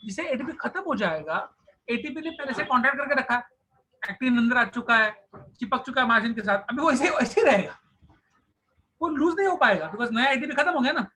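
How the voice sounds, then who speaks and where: A man's voice: very high-pitched, lively intonation, brisk, pushed and bright, husky. A man teaching biology in an online class, chatty and joking as he switches between Hindi and English.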